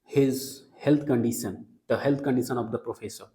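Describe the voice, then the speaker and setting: A literature teacher gives a classroom lecture, explaining a poem line by line while mixing Hindi and English. He repeats key lines and keeps checking that students follow. His voice is mid-range and dark, with drawn-out words.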